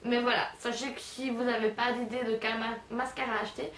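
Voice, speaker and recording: A woman's voice: fairly high pitch, flat delivery, fairly quick, fairly bright tone, slight background noise. A young woman chatting casually in a beauty review vlog, rambling with many fillers and poking fun at herself. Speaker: beauty vlogger. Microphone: camera's built-in mic. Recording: echoey room, voice a bit far from camera.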